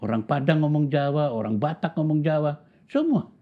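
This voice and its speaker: An older man in his seventies recalls his life in an interview, speaking with a slightly husky, breathy voice. He talks at an unhurried pace, pausing and repeating words to stress a point. The sound is thin and tinny, as if heard through a phone. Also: fairly high pitch. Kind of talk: reflective storytelling in conversation.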